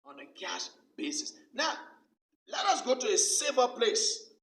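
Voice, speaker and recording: A man's voice: very high-pitched, lively intonation, a little slow, vocal fry, fairly bright tone. A male pastor preaching a sermon with emphasis, repeating his key phrases over and over. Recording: roomy sound from a distant mic.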